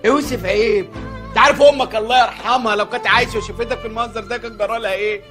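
A fretful, God-fearing Egyptian chicken seller in a TV comedy, his voice pitched very high as he rattles off scolding and pleading lines at a brisk clip. A music score plays under him. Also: steady tone, a bit bright. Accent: Egyptian Arabic. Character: pious, fussy male chicken-shop owner and anxious father. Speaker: comic lead in a TV comedy series. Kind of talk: sitcom comedy acting.

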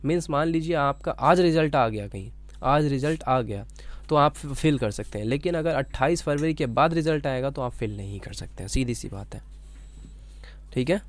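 A man at medium pitch talks through an exam notification with animation and at normal speed. Like an informal explainer, he circles back over his points and keeps adding short "okay" tags to check in.

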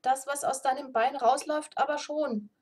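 A woman's voice: high voice, fairly even intonation, normal speed, darkish tone, voice pushed up, natural voice. A woman voicing a fretful young man who whispers and sniffles. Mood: tearful.

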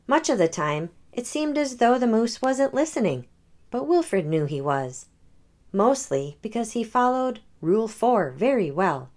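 A picture book is being narrated expressively by a woman with a mid-range voice, who is hosting a read-aloud session for children.

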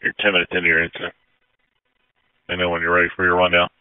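A man's voice: low voice, completely flat delivery, very fast, a little hiss or hum. An American man giving brief emergency messages over a two-way radio. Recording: thin, narrow two-way radio channel.

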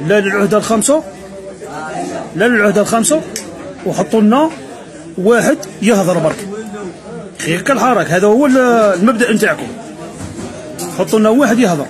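A man with an Algerian Arabic accent delivering a mocking, sarcastic political rant that speaks straight at his opponents. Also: high voice. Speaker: political commentator.

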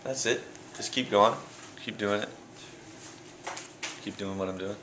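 A young man from Canada talking casually about his paintings at his gallery show, relaxed and rambling, with fillers and restarts. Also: on the low side, measured pace, background noise. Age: young adult. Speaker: painter interviewed at his exhibit. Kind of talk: casual interview answers. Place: art gallery indoors. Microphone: handheld camera close by. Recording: echoey gallery room.

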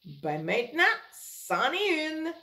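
A woman voicing an excited, boastful little boy in a storybook reading, with an eager childlike voice. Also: high voice, measured pace, pitched above the performer's own voice, full character voice. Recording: echoey room.

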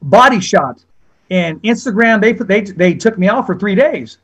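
A man's voice: high voice, expressive, moderate pace, fairly bright tone, breathy edge. A man in his forties hosting a casual sports interview over a video call. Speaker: sports show host. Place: small room indoors with show banner.

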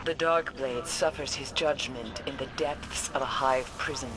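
A man's voice: mid-range voice, steady tone, measured pace, background noise, close to an everyday voice. An actor playing a solemn male voice briefing a mission in a video game.

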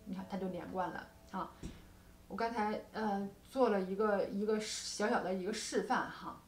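A woman's voice: mid-range voice, moderate pace, echoey room, faint music behind. A woman teaching guqin technique in a patient explaining tone. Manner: patient explaining with frequent soft particles. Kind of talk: music lesson with demonstrations. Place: music studio.

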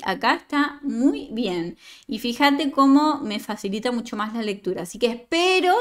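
A woman leading a writing workshop, reading a student's story aloud and giving chatty, digressive, teasing feedback. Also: fairly high pitch.

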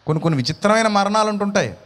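A male pastor preaching a sermon in an animated way, full of rhetorical questions. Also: high-pitched, rapid-fire, in a large hall.

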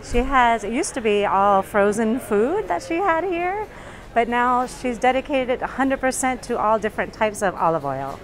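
A woman's voice: on the high side, very animated, normal speed. A woman guiding a casual walking tour, her speech muffled as she talks through a face mask. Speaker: local tour guide vlogger. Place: covered market and its entrance. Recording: noisy handheld recording with market ambience.

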